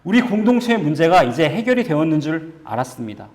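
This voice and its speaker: A man's voice: fairly high pitch, big pitch swings, fast, darkish tone. A male pastor voicing a weary male prophet who pours out his disappointment to God in prayer, with earnest raised speech. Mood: pleading lament.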